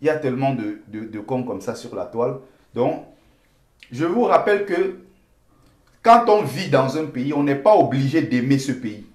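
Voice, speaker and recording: An emphatic man with a Bamileke Cameroonian accent, hammering his points home and repeating phrases as he comments on a live stream. His voice sits at an ordinary middle pitch. It is recorded in a roomy space with a noticeable echo. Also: sing-song, normal speed. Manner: emphatic, repetitive, pleads with viewers.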